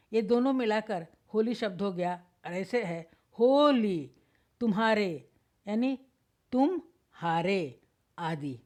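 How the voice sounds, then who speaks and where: A woman teaching Hindi grammar, reading a lecture from notes and sounding out each example word slowly and deliberately. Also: medium pitch, darkish tone.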